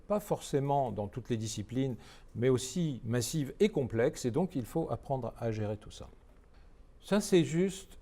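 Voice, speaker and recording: A man's voice: medium pitch, mellow. A middle-aged man from France giving a training lecture, hesitant with many fillers and restarts.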